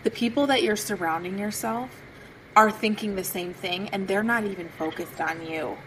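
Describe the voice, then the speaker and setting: A woman's voice: mid-range voice, normal speed, fairly bright tone, slight background noise, poor audio. Chatty woman podcast host. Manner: chatty, peppered with "like". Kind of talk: casual podcast conversation.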